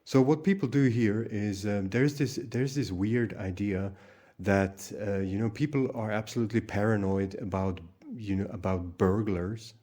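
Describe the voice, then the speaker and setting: A man with a lowish, mellow voice talks to camera for his own channel. He rambles and starts over often, with plenty of ums and uhs. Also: normal speed. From Hungary. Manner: rambling, many fillers and restarts. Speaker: channel host. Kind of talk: casual monologue vlog.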